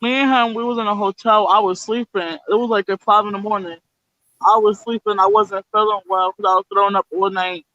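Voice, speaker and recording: A woman's voice: mid-range voice, steady tone, a little fast, a bit bright, no echo, dull audio. A young woman guest telling her own story bluntly and candidly, swearing freely. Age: young adult. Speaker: interview guest.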